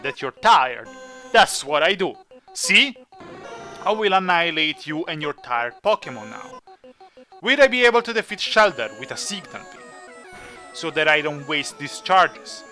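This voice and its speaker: A man's voice: fairly high pitch, pushed and bright. A man hosting a gaming video with casual, playful commentary, teasing the characters as he plays. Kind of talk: casual Let's Play commentary.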